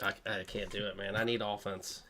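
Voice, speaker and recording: A man's voice: lowish voice, little pitch movement, a little fast, crowd noise. A man co-hosting a casual podcast, brash and swearing freely. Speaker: podcast co-host. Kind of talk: casual chat.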